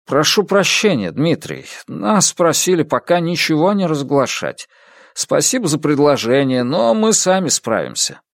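A man's voice: fairly high pitch, sing-song, measured pace, no room sound, clean studio sound, voice pushed up. A man reading the part of a cautious, evasive scientist who hedges with hesitant answers, in a slightly raised voice. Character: evasive male American scientist, guarded.

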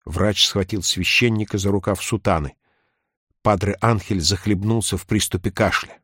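A man reads an audiobook in a measured, even voice. His pitch sits on the low side. The recording is close and very dry. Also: husky, no room sound. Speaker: audiobook narrator. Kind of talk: scripted narration.

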